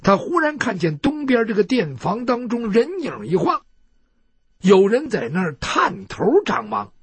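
A male storyteller tells a martial tale in a husky, high-pitched voice. His delivery is rhythmic and dramatic, and the sound is close and dry. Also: huge pitch swings, unhurried, fairly bright tone, no room sound. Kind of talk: traditional storytelling.

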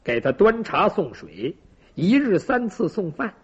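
A man's voice: sits high, big pitch swings, a little slow, husky. A man telling a traditional story dramatically, with sound effects and asides to listeners, in a lo-fi recording. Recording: lo-fi dull recording.

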